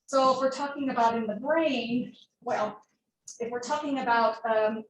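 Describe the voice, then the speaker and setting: A woman's voice: on the high side, normal speed, a little hiss or hum. Woman, nursing instructor, casual lecture style, fillers and asides, roomy distant classroom recording. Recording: roomy classroom audio from far off.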